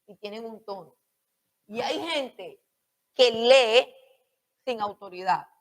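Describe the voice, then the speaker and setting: A woman's voice: mid-range voice, expressive, unhurried. A woman teaching a Bible school class on preaching, repeating her points and questioning her students.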